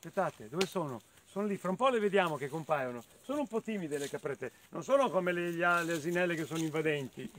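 A man with a fairly high voice reading children's stories outdoors at a farm. He is playful and animated, and his pitch rises and falls in a lively, sing-song way. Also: quick pace, hardly any pauses, a little hiss or hum. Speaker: storyteller for children.

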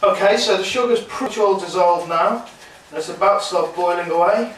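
A man in his thirties hosts a casual home cooking show, chatting as he works at the stove in his kitchen at night. His voice sits high and brisk, with a little hiss or hum. A camera mic across the room gives a roomy, distant sound.

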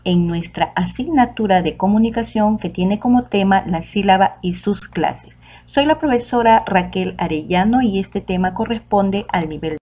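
Speaking at a medium pitch with a mellow quality, this Peruvian woman teaches children in a recorded online lesson. She has a Peruvian Spanish accent and sounds out the example words carefully and unhurriedly.

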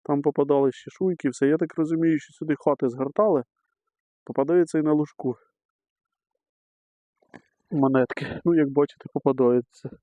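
A middle-aged man talks casually to his viewers while digging outdoors in a meadow, calling them friends again and again. His voice sits a little high and has a mellow tone. The recording is dry and slightly dull, like lo-fi field footage. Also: fairly even intonation, moderate pace, pauses often, dry recording. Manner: chatty, keeps addressing viewers as friends. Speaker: metal-detecting vlogger.

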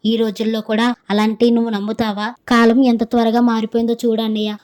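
A woman's voice: fairly high pitch, level tone, fairly quick, darkish tone, close to an everyday voice. A woman voicing an easygoing young village man who brushes off talk of ghosts. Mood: reassuring. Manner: breezy, dismissive of fears.

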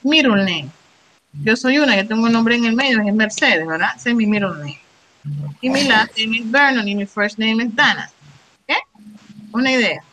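A middle-aged woman leads an English lesson, her voice bright and a little high. She reads English phrases slowly, then explains them, checking in with the class again and again. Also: rough recording. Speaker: English teacher.

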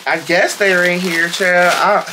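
A woman's voice: lowish voice, fairly even intonation, unhurried, background noise. A woman chatting casually to viewers while unboxing a package at home, with lots of fillers and y'all. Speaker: vlogger.

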